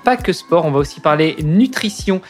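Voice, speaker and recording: Man hosting, rather high voice. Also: animated, normal speed, faint music behind. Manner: hesitant, frequent filler sounds. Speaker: podcast host. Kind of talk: casual podcast hosting.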